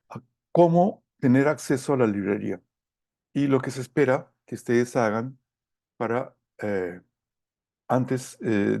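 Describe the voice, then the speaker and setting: A middle-aged man delivers a technical lecture in a relaxed, dark-toned voice with plenty of gravelly fry. He pauses and gropes for words as he explains his slides. The sound is close and dry. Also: medium pitch, no room sound. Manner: hesitant, halting, searching for words. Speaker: course lecturer.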